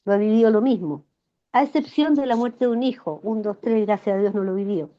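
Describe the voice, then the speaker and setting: A woman's voice: medium pitch, fast talker, lo-fi sound. A woman in her sixties with a Chilean accent, a flower therapist guest telling emotional stories in a podcast interview. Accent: Chilean Spanish. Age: 60s. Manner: emotional, animated storyteller.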